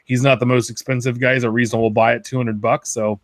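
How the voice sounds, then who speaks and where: A man of middling pitch co-hosting a casual podcast, rambling through stories with plenty of restarts and side jokes. His voice sits close and dry on the mic, with no room sound. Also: little pitch movement, quick pace, no echo. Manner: rambling, self-correcting, jokey. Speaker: podcast co-host. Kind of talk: casual chat.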